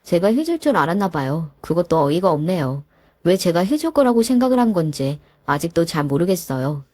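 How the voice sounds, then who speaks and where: Calm woman narrator for a first-person story, low and mellow, dry close sound. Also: a little fast, no echo. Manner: calm, matter-of-fact retelling.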